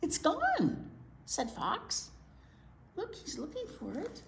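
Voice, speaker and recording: A children's library teacher reads a picture book aloud to young children, her slightly creaky voice swinging widely in pitch at an unhurried pace. She's animated and chatty, asking the listeners questions. The indoor library room is echoey, with noticeable background noise.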